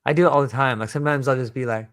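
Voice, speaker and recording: A man's voice: medium pitch, fairly even intonation, very fast, fairly bright tone, clear, resonant tone. A man hosting a podcast interview, talking in a meandering, reflective way about creativity. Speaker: podcast host; father. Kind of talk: casual conversational interview.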